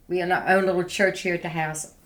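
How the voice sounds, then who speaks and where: An older woman with a slightly low voice talks casually, like a guest sharing testimony. She is earnest and tends to repeat phrases for emphasis. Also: little pitch movement, quick pace. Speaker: interview guest.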